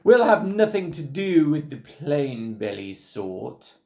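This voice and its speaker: A man's voice: fairly high pitch, very animated, takes it slowly, vocal fry, dark tone, full character voice. A man voicing a snooty, boastful creature from a children's storybook in a haughty, declaring manner.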